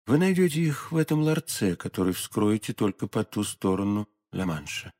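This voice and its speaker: A man voicing a scheming young noblewoman in an audiobook, speaking in a hushed, urgent tone. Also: on the low side, big pitch swings, takes it slowly, voice pushed down, full character voice. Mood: hushed, businesslike.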